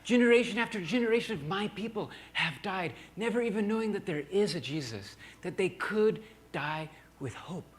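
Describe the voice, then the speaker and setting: A man voicing a grieving old village shaman grandfather, crying and pleading in a high, strained voice. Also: expressive, brisk. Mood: anguished.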